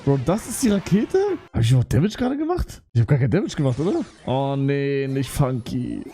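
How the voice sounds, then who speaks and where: A young man with a German accent streaming a game live, swearing and talking excitedly to his chat. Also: medium pitch, fairly quick, soft background music.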